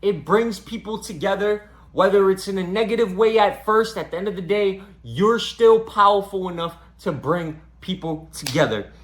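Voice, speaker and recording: A young Boston-accented comedy channel host delivers a loose, profane stand-up monologue to camera in a noticeably high voice for a man. Talking like a streetwise buddy at normal speed with hardly any pauses, he keeps repeating "you know what I'm saying," and the room echoes.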